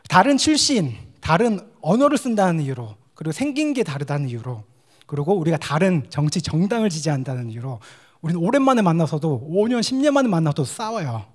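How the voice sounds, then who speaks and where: Young male junior pastor, Gyeongsang accent, animated and jokey sermon delivery, lively pitch. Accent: Gyeongsang Korean. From South Korea. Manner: animated, mixes English phrases, acts out dialect quips.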